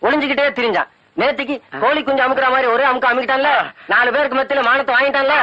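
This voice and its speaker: An actor playing an eager village gossip who carries tales in film comedy dialogue. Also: male voice, very high voice, steady tone, racing, sharp tone. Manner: eager, tattling.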